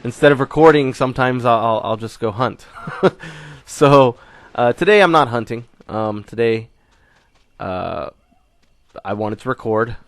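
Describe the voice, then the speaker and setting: A young gaming channel host, still recovering from a cold, gives a casual channel update full of fillers and restarts. His medium-pitched voice has lively intonation and a measured pace, with no echo.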